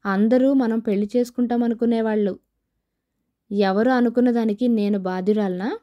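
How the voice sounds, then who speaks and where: A woman voicing a proud, sharp-tongued young rich woman who answers in curt, scornful retorts. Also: a little high, fairly even intonation, normal speed, lo-fi sound, close to an everyday voice.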